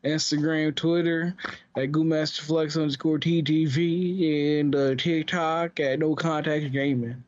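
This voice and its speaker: A man voicing a laid-back male cowboy, drawing his words out slowly. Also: a little high, fairly even intonation, a little mellow, lo-fi sound, lightly acted.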